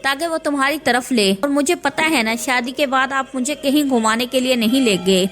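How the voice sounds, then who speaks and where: A suspicious young bride from a cartoon story, voiced by a woman, sharp-tongued and quick to accuse her in-laws. Her voice is high, with faint music behind it. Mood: accusing. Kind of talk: animated story dubbing.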